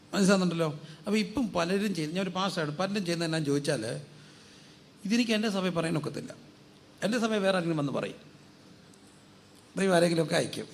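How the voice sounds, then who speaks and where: Creaky-voiced preacher firing rhetorical questions. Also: male voice, a little high, slight background noise. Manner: fires rhetorical questions and answers them himself; drives call-and-response, urging the crowd to say it louder. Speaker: guest pastor. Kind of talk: sermon.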